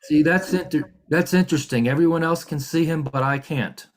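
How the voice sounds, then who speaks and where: This is a man acting as a hearing examiner, speaking over a video call. He moves through the proceedings carefully and politely. He often pauses on fillers and restarts his sentences. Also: fairly high pitch. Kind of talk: formal virtual hearing proceedings.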